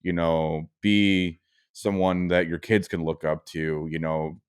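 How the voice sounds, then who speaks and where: A man with an extremely deep voice and a flat, narrow range. He interviews casually and supportively, feeling his way haltingly through each thought. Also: clear, resonant tone. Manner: supportive, halting, tentative phrasing. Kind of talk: casual chat.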